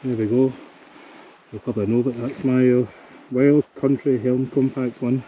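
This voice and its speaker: A Scottish man chatting casually to an action camera on an open hillside, thinking aloud in an unhurried running commentary. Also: medium pitch, steady tone, mellow, dull audio. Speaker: solo wild camper and vlogger. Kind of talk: casual outdoor vlog chat. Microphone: action camera with media mod microphone. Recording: outdoor wind and ambient noise.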